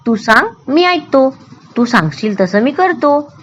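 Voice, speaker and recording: A woman voicing an excitable young male rabbit in a storybook, with a high, pleading, fretful voice. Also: unhurried, dull audio, slight background noise. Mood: eager.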